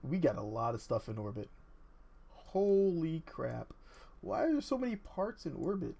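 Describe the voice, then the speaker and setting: A man chatting casually while playing an online game with a friend, upbeat and quick to laugh. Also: mid-range voice, slight background noise. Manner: upbeat, laughs often, excitable. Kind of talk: casual gaming chat.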